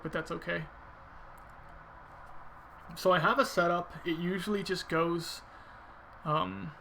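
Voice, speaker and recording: This gamer's commentary is bright and forceful, delivered in a somewhat high, creaky male voice that stays within a narrow range. He walks through technique loosely, musing out loud as he plays while some background noise comes through.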